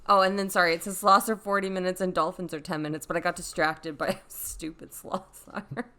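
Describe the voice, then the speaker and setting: A woman's voice: lowish voice, brisk. A woman co-hosting a casual podcast chat, giggling often as she reads out trivia. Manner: giggly, animated, reading out trivia. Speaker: podcast co-host.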